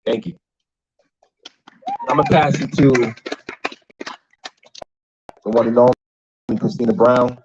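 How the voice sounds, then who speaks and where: A man leads an outdoor rally in the rain as a union leader. His mid-pitched voice is rousing and defiant, and he drives points home through repetition. The recording sounds dull and lo-fi. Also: darkish tone, a little hiss or hum. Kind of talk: rally speech.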